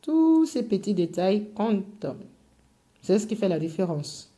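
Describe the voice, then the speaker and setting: A woman with an English accent teaching a step-by-step cake decorating tutorial, explaining patiently in detail and often pausing on filler sounds. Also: medium pitch, big pitch swings, warm tone. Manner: hesitant, full of filler sounds.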